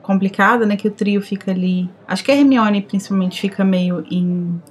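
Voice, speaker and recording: A woman co-hosting a book-club podcast, adding thoughtful, measured comments. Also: mid-range voice, steady tone, a little mellow. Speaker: podcast co-host. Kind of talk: casual book-club chat.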